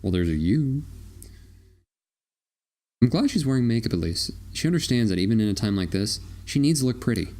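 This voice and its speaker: A man casually joking through a movie commentary, crude and rambling, breaking into quick explainer asides. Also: medium pitch, very animated, warm tone. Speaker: commentary track host.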